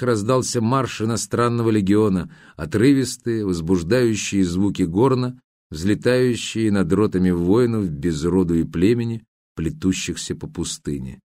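A man narrating a novel as an audiobook, in an even, measured storytelling manner. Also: fairly low pitch, no echo.

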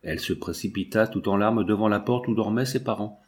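A man reading a classic novel aloud in measured literary narration. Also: fairly low pitch.

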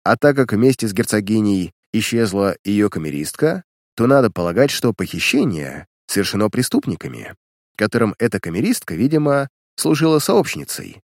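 A man voicing a calm adult detective who speaks dryly and curtly in a storybook reading. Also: fairly low pitch, moderate pace, no room sound. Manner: calm, dry and curt. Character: calm, dry-spoken adult male detective.

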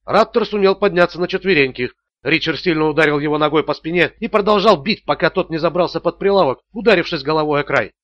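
A man narrating a thriller audiobook in a steady, measured way. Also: sits high, no echo, highs cut off.

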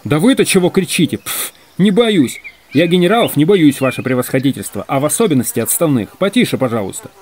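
A male reader voicing a hot-tempered retired old general who scolds and shouts. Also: medium pitch, expressive, a little fast, lightly acted. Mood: irritated, scolding.

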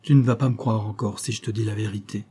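A man's voice: lowish voice, fairly even intonation, fast talker, mellow, breathy edge. A man reading as an anguished young woman. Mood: defensive. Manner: urgent, defensive pleading.

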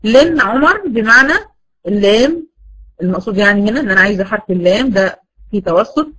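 An Egyptian woman teaching a class at a quick clip. She poses questions to her students and then supplies the answers herself. Her voice sits at a middle pitch. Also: lively intonation, a bit bright, low-quality recording. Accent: Egyptian Arabic. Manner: asks the class rhetorical questions and answers them. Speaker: Quran recitation teacher. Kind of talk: classroom lesson.

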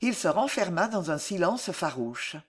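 A woman narrating a classic novel as an audiobook, in a measured and dramatic manner. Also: lowish voice, very animated, slightly rough. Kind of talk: expressive literary narration.

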